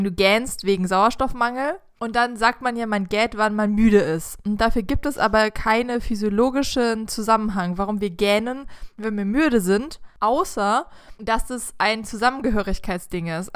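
A woman's voice: medium pitch, clear, resonant tone, dry recording, clean studio sound. A young woman co-hosting a podcast in casual chat, wry and fond of explaining things at length. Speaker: podcast co-host.

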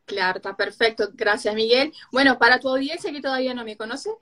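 A slightly high, bright-ish female voice moves quickly as its owner, a Brazilian host with Portuguese as her mother tongue, runs a casual live-stream chat. She speaks with a Uruguayan-Argentine Spanish accent.

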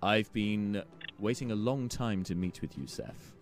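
A man voicing an ominous hooded stranger in a tabletop game, calm, quiet and measured. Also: lowish voice, faint music behind. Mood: quietly menacing.

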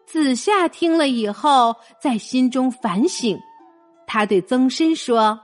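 A woman narrating a children's story, speaking gently and directly to a young listener. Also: sits high, animated, slow, soft background music.

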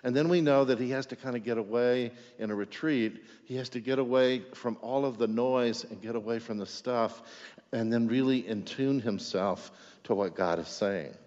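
A man's voice: mid-range voice, moderate pace, a little mellow. A man preaching a sermon as a pastor, in a conversational way that keeps checking in with the congregation. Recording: echoey hall, dull lo-fi sound.

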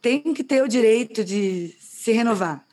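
A woman's voice: on the high side, a little slow, a little mellow. A woman hosting a podcast in casual chat, talking things through thoughtfully and often checking in with "né?". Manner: reflective, often ends with "né?".

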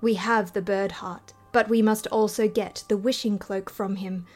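A woman's voice: medium pitch, fairly even intonation, moderate pace, soft background music, close to an everyday voice. Woman reading as a greedy old witch. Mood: scheming. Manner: commanding, threatening.

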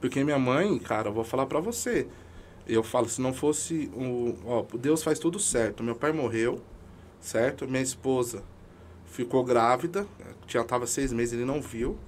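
A man's voice: mid-range voice, normal speed, a little hiss or hum. A man, a podcast guest talking casually in an emotional, slangy, emphatic way about his amateur football club. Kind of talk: casual chat.

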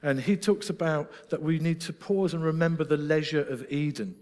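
Scottish man, middle-aged, earnest sermon delivery, slightly higher voice, hall echo. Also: moderate pace, a little mellow. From Scotland. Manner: earnest, reflective, with self-deprecating asides. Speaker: preacher. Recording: long reverb of a large hall.

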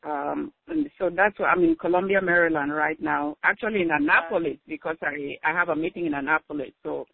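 A woman's voice: sits low, a little fast, vocal fry, hardly any pauses. An older woman from Cameroon with a Cameroonian accent, explaining her background steadily as a guest on a phone interview. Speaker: guest author. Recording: phone-like narrow line.

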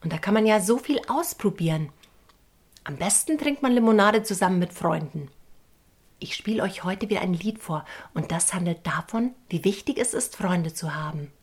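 A woman's voice: medium pitch, animated, moderate pace, slightly rough. A woman co-hosting a children's show, talking directly to the kids and introducing a song.

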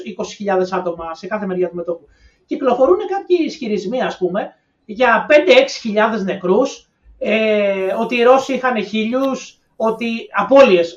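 A woman co-hosting a podcast in casual analytical chat, speculating and offering her ideas in a knowing tone. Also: a little high. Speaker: podcast co-host. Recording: distant, echoey, dull-sounding mic.

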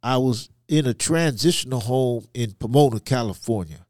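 A man from Ivory Coast, giving personal testimony as a podcast guest in halting, hesitant phrases. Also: mid-range voice, darkish tone, no echo, studio quality. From Ivory Coast, West Africa. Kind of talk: personal testimony in a conversational interview.

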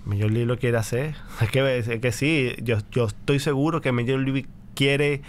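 A man being interviewed on a sports podcast as a baseball league executive, answering in a measured way with many pauses and fillers. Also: mid-range voice, steady tone, a little hiss or hum.

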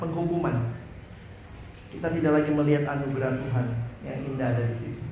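A man preaching a sermon to a campus crowd, animated and acting out the voices he quotes. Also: on the high side, a little hiss or hum. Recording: echoey hall from far off.

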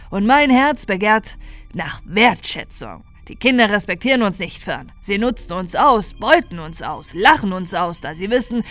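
A woman's voice: mid-range voice, lightly acted. Woman doing a cold, scornful evil Santa. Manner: slow, calm and contemptuous. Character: corrupted male Santa, calm, cruel and scornful.

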